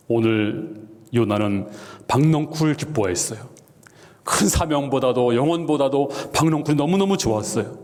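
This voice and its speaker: Preaching man in a reverberant church. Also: mid-range voice. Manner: dramatic, acts out dialogue with rising shouts. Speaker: pastor. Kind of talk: sermon. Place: church sanctuary.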